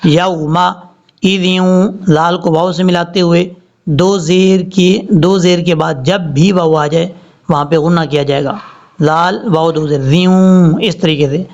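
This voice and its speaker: A man with a high voice teaches Quran recitation one word at a time. He draws each word out slowly and then explains the rules in plain speech. The recording sounds dull and lo-fi. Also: steady tone, a little mellow. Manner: slow drawn-out recitation between plain explanations.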